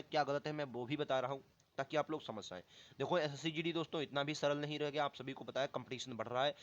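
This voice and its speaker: A young male exam coach goes through grammar questions, reading each option aloud and then correcting it. His voice sits fairly high for a man. The recording sounds dull and lo-fi. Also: a bit bright. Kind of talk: explaining Hindi grammar questions.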